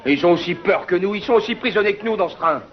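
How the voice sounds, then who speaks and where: A man acting in a film drama as a desperate, defiant prisoner, pleading and cursing at his guards in shouts. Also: quick pace, close to an everyday voice. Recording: muffled film audio, loud train rumble.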